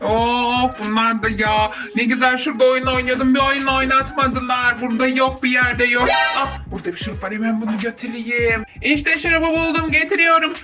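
A woman's voice: high-pitched, fairly even intonation, brisk, hardly any pauses, voice pushed down, lightly acted. A woman voicing a grumpy, lazy grown man who grumbles and whines about being made to stop playing. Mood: grumbling. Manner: whiny, put-upon grumbling. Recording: distant mic with music behind.

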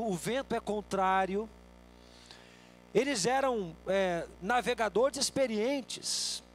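High-voiced pastor preaching with animation. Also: male voice. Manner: animated preaching, acting out quotes loudly then dropping soft. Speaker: guest pastor. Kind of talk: sermon. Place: church sanctuary.

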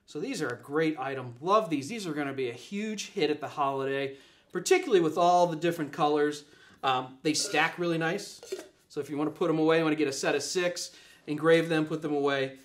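A product presenter runs an upbeat live demo beside a display table in an office room, packing his talk with fillers and repeated points. His voice is a little high and he speaks a little fast.

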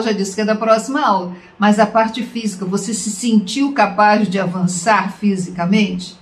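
A Brazilian woman giving a spoken lesson, talking straight to the listener in a conversational way and asking rhetorical questions. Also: a little high. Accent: Brazilian Portuguese. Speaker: online course teacher. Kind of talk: spoken lecture to camera. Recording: roomy echo.

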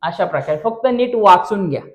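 A man's voice: high voice, lively intonation, brisk. A male teacher walking students through an exam paper, constantly asking rhetorical questions and calling viewers his friends. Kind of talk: exam paper walkthrough lesson.

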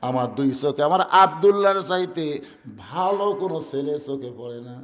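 Preacher voicing a proud old ruler. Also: male voice, fairly high pitch, expressive, brisk, in a large hall, natural voice. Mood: pleading. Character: elderly male ruler, tender and proud father.

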